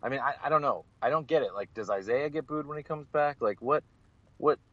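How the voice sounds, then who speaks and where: A man co-hosting a casual sports chat by phone from a parked car, rambling and laughing easily, his voice thin with no bass. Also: fairly quick, dry recording. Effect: thin phone-line sound with no bass. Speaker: co-host. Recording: dull dry phone line.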